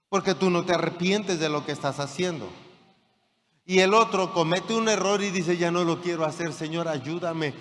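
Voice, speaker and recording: A man's voice: sits high, a bit bright. A man preaching a sermon as pastor, building fervor and checking that the congregation follows. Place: church hall. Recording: church hall reverb with faint room ambience.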